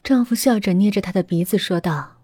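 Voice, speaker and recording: Breathy woman narrating a ghost story. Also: medium pitch, no echo, studio quality. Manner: dramatic, slowing and hushing at tense moments. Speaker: storyteller host. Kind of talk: horror audiobook narration. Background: faint music.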